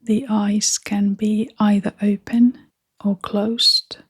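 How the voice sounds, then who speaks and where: A woman's guided meditation comes in a soft, breathy near-whisper, delivered gently with long silences between phrases. The voice is mid-range and the delivery flat.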